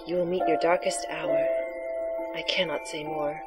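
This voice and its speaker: A woman voicing a solemn game oracle in a breathy, prophetic trance voice. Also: deep voice, flat delivery, normal speed, loud music behind the voice, natural voice. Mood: ominous, solemn.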